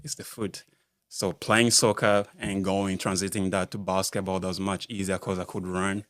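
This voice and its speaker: A basketball skills coach from Rwanda, with a deep, flat voice, talks in a casual podcast interview recorded on a studio mic without echo. He struggles for words at times, his speech halting and loaded with fillers.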